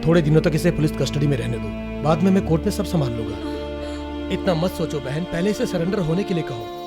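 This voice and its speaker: An actor dubbing a lawyer in a film, businesslike and reassuring. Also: male voice, a little high, expressive, fast talker. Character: calm male lawyer advising a mother. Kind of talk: Hindi film dub acting. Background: film score music.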